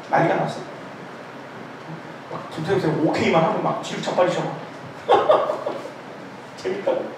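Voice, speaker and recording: A middle-aged man preaching an informal sermon at a prayer meeting, telling jokes and stories in an animated way and calling himself loud. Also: high voice. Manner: animated, joking storytelling, calls himself loud. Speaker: pastor. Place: church sanctuary. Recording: echoey church hall, distant mic, faint noise.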